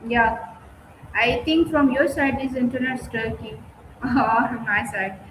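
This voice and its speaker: A woman with a high voice hosts an interview over a video call, asking polite questions with a few fillers. Her audio comes through as video call sound from an echoey room. A faint hum of background noise sits under her voice. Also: fairly even intonation, takes it slowly. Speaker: interview host.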